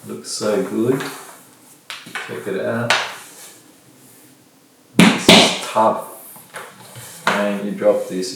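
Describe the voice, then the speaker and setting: With a fairly low, creaky voice, a middle-aged man casually comments on an unboxing in typical vlogger fashion while reviewing gear. He's at a table indoors, surrounded by bare walls, and the far-off mic picks up strong reverb and light noise.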